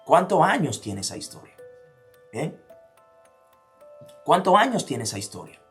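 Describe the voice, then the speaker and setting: A man's voice: a little high, big pitch swings, measured pace, faint music behind. A man from the Dominican Republic with a Dominican accent, giving a motivational talk. He fires off repeated rhetorical questions and drops to near-whispers for emphasis. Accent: Dominican Spanish. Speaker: motivational speaker.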